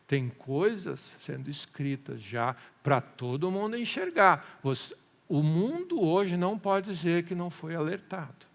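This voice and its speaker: A pastor preaching a sermon, telling a story with animation and often asking the congregation "amém?". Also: male voice, on the high side, sing-song, measured pace, vocal fry. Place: church hall. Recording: long reverb of a church hall.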